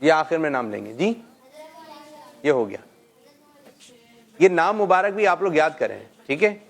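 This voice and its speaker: A middle-aged man hosting a children's call-in show, gently quizzing kids and praising them often. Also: fairly high pitch, expressive, gravelly. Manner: gentle, coaxing questions, frequent "mashallah".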